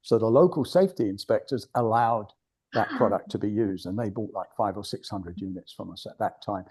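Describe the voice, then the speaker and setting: Briskly and in a lowish voice that's a little mellow with a breathy edge, an older man from the United Kingdom gives a club an informal talk as guest speaker. He's blunt and digressive, often restarting his sentences.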